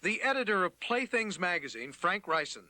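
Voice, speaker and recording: A man's voice: sits high, very animated, moderate pace, bright, forceful tone, dry recording. An American man narrating a scripted television news report as a correspondent, in the manner of a news anchor. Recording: clear background noise, 1990s TV news report.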